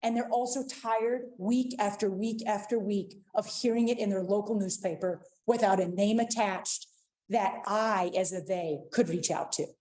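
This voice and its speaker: A woman's voice: mid-range voice, normal speed, a little mellow. A woman giving an earnest, pleading public comment at a school board meeting, repeating her appeals. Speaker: public commenter, district administrator and parent.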